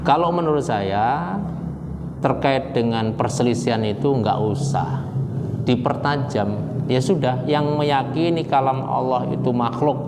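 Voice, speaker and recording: Animated male preacher in a reverberant hall. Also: creaky. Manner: conversational, quizzes listeners with quick questions; animated, with sudden rises in pitch for emphasis. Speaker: Islamic preacher. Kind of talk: religious lecture to a congregation. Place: hall with a congregation. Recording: reverberant hall, faint background noise.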